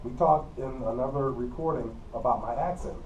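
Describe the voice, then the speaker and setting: Speaking at normal speed in a mid-range, darkish voice, a Midwestern middle-aged man delivers a college communication lecture, explaining simply, going over key points again and coughing a lot. The room is an empty classroom with a whiteboard and an air conditioner. His camera mic sits across the room, giving muffled, roomy, distant audio with a faint hum.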